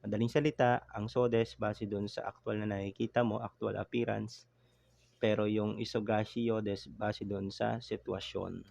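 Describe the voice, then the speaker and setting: A man's voice: on the low side, flat delivery, normal speed, gravelly, a little mellow, a little hiss or hum. A man teaching Japanese grammar in a casual, chatty online lesson, mixing in English and often checking with "no?". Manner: chatty, code-switching, frequent "no?" tag checks.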